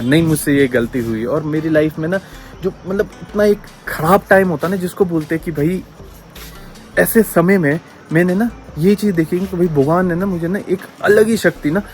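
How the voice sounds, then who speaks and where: An earnest young man with a Pahari-region Hindi accent chats reflectively into his phone outdoors, repeating phrases for emphasis. His voice sits a little high for a man. Soft music plays behind him. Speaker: vlogger. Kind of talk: casual vlog talk with spiritual musing. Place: outdoors at home, yard.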